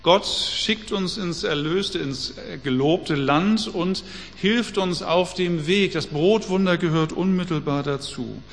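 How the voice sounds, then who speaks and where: A man preaching a sermon, reading scripture aloud slowly and deliberately between his own explanations. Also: sits high, long reverb tail. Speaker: pastor.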